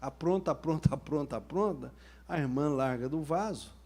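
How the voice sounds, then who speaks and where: A man's voice: fairly high pitch, moderate pace, a little mellow. A man, a pastor preaching a sermon in a humorous, colloquial storytelling manner.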